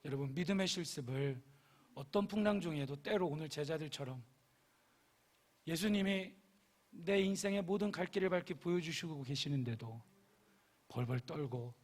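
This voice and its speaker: A middle-aged man preaches to his congregation in a church, his voice pitched a little high. He speaks with lively, animated energy and slips now and then into playful voices for the people in his story. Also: moderate pace, pauses often. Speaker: pastor. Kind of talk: sermon. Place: church sanctuary.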